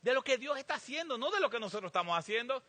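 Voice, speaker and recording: A pastor preaching a sermon, asking the congregation emphatic rhetorical questions. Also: male voice, very high voice, very animated, rapid-fire, sharp tone. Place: church sanctuary.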